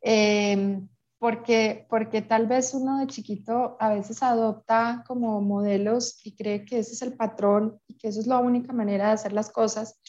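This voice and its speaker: A woman who grew up in Peru, answering interview questions thoughtfully, with many pauses and restarts. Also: a little high, steady tone, a little mellow, muffled recording. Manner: hesitant, many restarts and fillers. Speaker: interview guest.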